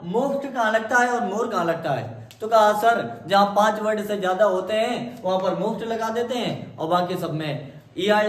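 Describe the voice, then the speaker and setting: A man teaching grammar in Hindi, asking questions and answering them himself and repeating key words for emphasis. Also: sits high. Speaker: English teacher. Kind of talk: classroom grammar lesson in Hindi. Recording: echoey room.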